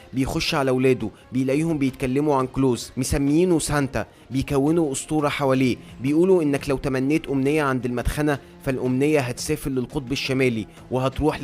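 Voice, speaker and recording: Male comic-recap narrator, Egyptian accent, rapid dramatic telling, average pitch. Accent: Egyptian Arabic. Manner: brisk, dramatic storytelling. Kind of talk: comic book story recap.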